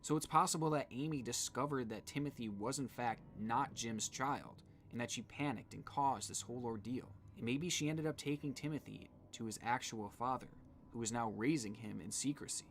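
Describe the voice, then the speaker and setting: Guy doing scripted true crime narration, normal mid pitched voice. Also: moderate pace, hardly any pauses, a little hiss or hum. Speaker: video narrator.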